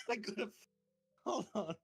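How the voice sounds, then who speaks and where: An Australian man playing a tabletop game, lively, laughing and swearing. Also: high voice, moderate pace, gravelly, slightly rough, soft background music. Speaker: player. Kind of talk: casual game chat.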